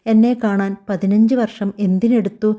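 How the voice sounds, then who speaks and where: A woman voicing a guarded young adult daughter who asks quiet, direct questions. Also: medium pitch, fairly even intonation, moderate pace, close to an everyday voice.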